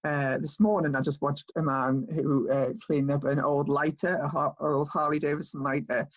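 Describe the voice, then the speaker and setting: A man's voice: a little high, flat delivery, moderate pace, muffled recording. A male comedian chatting casually over a video call, rambling with frequent laughs and restarts. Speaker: comedian guest. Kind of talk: casual chat.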